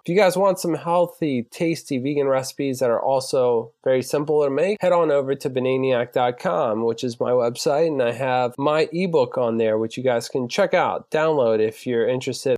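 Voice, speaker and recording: A man with a raspy voice from a sore throat, hosting a podcast and reading intros and plugs in a casual way. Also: medium pitch, darkish tone, no room sound, clean studio sound. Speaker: podcast host. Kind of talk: scripted podcast intro and sponsor read, casual address to listeners.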